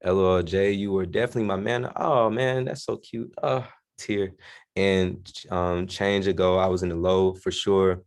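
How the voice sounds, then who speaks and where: A man's voice: sits low, fairly even intonation, normal speed, gravelly. A young man leading a casual faith-group talk, laid-back and friendly with lots of slang. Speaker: group discussion leader.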